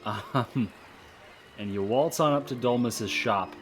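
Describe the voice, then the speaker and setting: A man's voice: mid-range voice, soft background music. A man running a tabletop game as game master, hesitant and full of fillers. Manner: slow, halting, many fillers.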